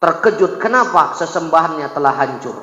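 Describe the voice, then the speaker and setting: A male preacher tells stories in a lively, joking way, often jumping into other characters' voices. His voice sits high for a man. It carries through a large echoey hall with a long reverb. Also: brisk, highs cut off. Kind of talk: humorous storytelling sermon.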